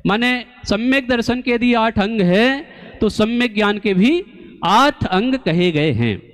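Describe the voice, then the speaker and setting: A man giving a slow, deliberate religious discourse, teaching through rhetorical questions and pauses. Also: high voice, animated. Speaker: Jain scholar and preacher. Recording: long hall reverb.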